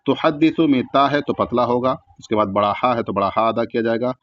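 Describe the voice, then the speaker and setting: A man teaching Quran recitation, chanting each verse slowly with long drawn-out sounds and then explaining the rules quickly in plain speech. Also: medium pitch, dry recording, muffled recording.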